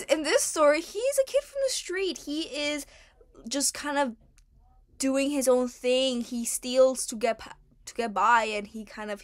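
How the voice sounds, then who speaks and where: A young adult woman giving a casual, chatty voice-over about her drawings and characters, in informal, slangy wording. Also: a little high. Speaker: artist narrating own original characters.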